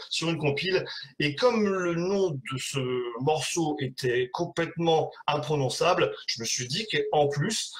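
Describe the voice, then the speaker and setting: A man hosting a casual live web show, rambling and joking with frequent hesitations. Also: fairly high pitch.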